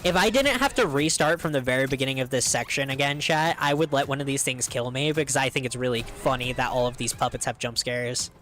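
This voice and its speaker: A young man giving casual, excited, rambling commentary while streaming a game, laughing often. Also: medium pitch, fast talker, few pauses, slight background noise.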